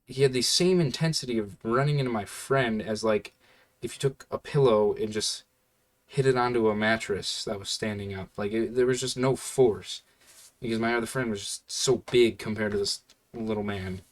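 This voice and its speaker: A man's voice: on the low side, moderate pace. A young man telling a story in a casual, rambling way, full of fillers and laid-back slang. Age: young adult.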